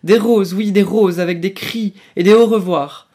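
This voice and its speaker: A wrecked young officer spits out bitter, shrill words in a feverish rush, as a man puts him on in a storybook reading. The voice climbs high and stays loud and strained. It sounds close to breaking. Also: moderate pace, husky. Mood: bitter anguish. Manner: shrill, feverish, broken outbursts. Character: shattered young male officer, bitter, near hysterical.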